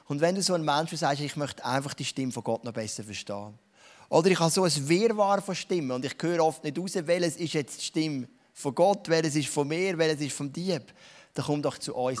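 A man preaching a sermon and leading a prayer, earnest, slowing down to stress key words, with a few restarts. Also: mid-range voice.

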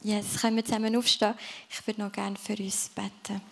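A woman preaches at a church service, her voice gravelly with a crackle at the edges. She keeps her pitch level and even, speaking earnestly and directly to each listener before moving into prayer. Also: a little fast. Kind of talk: sermon with closing prayer.

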